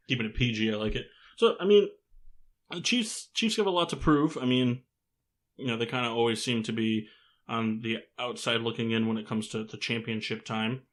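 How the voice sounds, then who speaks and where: A man hosting a casual sports podcast, teasing his co-hosts and firing off quick questions. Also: mid-range voice, fairly bright tone. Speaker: podcast host.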